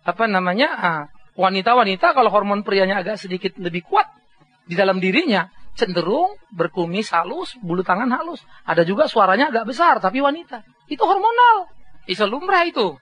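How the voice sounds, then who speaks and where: A middle-aged man preaching a sermon as a pastor, telling animated stories with humor and acting out voices. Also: high voice, brisk, breathy edge. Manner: mixes English words into speech.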